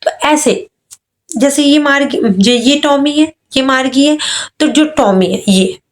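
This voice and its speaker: A woman teacher with a Hindi accent explains an English story, reading lines slowly and then paraphrasing them. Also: high voice.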